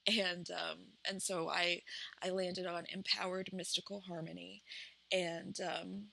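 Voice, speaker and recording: A woman with an Appalachian accent chatting casually and unscripted as a vlog host, in a halting, reflective, self-conscious way. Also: lowish voice, flat delivery, creaky, bright, forceful tone. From Appalachian United States. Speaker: vlog host and small business owner. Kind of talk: casual, unscripted chat to camera.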